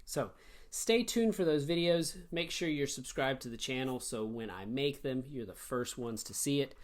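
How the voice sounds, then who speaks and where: Man teaching grammar, lively pitch, animated and clear. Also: normal speed. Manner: animated, explains step by step. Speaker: English teacher. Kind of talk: online grammar lesson.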